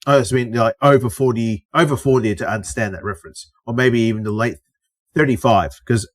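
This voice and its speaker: A middle-aged Australian podcast co-host talks fairly quickly in a medium-pitched voice during a casual chat. He's telling stories, acting out others' lines, and swearing in an easygoing way.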